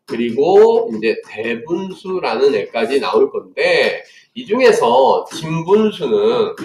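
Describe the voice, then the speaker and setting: A man teaching math to children, telling playful stories and asking lots of questions. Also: mid-range voice. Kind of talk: classroom lesson for children. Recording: echoey room, distant mic, faint noise.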